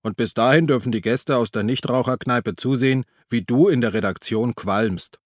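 A man voicing a calm male friend who chides his companion in a level tone. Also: mid-range voice, moderate pace, no room sound, studio quality, natural voice.

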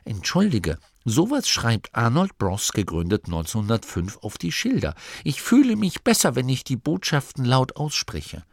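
Guy doing a stuck-up tiny nome reading ad signs out loud, swoopy voice. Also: medium pitch, wildly swooping pitch, vocal fry, no room sound, studio quality, voice pushed up, exaggerated voice. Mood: apologetic. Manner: lofty, slow, declaiming like an advert. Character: pompous small male nome reciting shop signs.

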